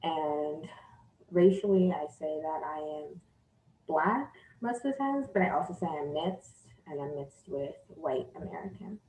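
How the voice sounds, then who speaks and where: A woman in her twenties answers interview questions calmly, with a mellow, somewhat low voice. The room is echoey. Faint ambience runs behind her. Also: unhurried, a little hiss or hum. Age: 20s. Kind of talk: documentary interview.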